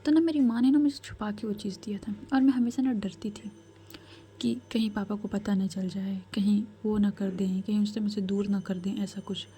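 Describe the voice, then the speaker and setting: A woman voicing a calm, commanding royal grandmother who gives measured, firm advice. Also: medium pitch, a little hiss or hum, close to an everyday voice. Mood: firm counsel.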